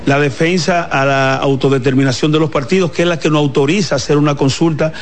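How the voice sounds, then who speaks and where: A man's voice: on the high side, steady tone, fast, slight background noise. A man speaking for a political party, making an emphatic formal statement to the press. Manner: emphatic, declaratory. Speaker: party spokesman.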